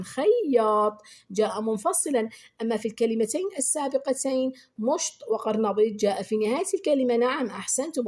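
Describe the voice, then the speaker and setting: A woman teaching beginners and speaking to pupils. She praises them often and draws out the example words slowly and clearly. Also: on the high side, a little mellow. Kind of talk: children's lesson addressing pupils.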